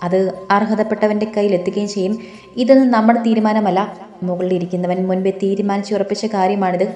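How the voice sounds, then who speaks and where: A woman's voice: medium pitch, little pitch movement, fast, mellow, reverberant, lightly acted. Woman reading as a tearful wronged young bride. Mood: pleading. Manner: pleading, tearful.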